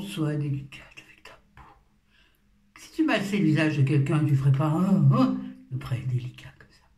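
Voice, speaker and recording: A woman's voice: deep voice, dark tone. A playful, self-mocking woman in her fifties talks casually through her morning skincare routine at home. She sits well back from the mic, and her voice rings around a roomy, echoing space. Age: 50s. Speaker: beauty vlogger. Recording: roomy echo, far from the mic.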